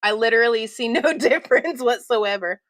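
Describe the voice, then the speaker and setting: Vlog host, woman, giggly and chatty, slightly high voice, dry close recording. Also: brisk, a bit bright, no echo, poor audio. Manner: giggly, chatty, laughs often. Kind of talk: casual chat. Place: at home.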